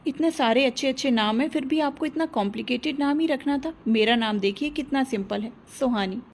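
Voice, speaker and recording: A woman voicing a timid, talkative young bride in an audio story, speaking nervously and quickly. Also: high voice, slight background noise.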